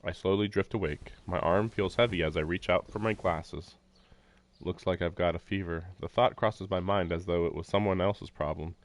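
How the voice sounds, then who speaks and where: In a low, steady voice at normal speed, a man live streams a visual novel. He reads its text aloud and adds casual, informal commentary, with faint game music in the background.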